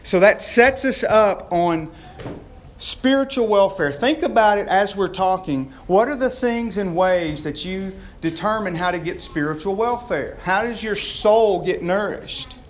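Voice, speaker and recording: A man's voice: high-pitched, lively intonation, measured pace, slight background noise. A man preaching an informal, conversational sermon, folksy in his wording and often putting questions to his listeners. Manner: folksy, addresses listeners as gang, boys and y'all.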